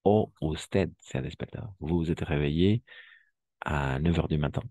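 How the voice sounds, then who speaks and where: A man teaching a live online class, repeating phrases slowly to drill pronunciation and often checking that his students follow. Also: a bass voice, dark tone, dry recording. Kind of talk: online language lesson.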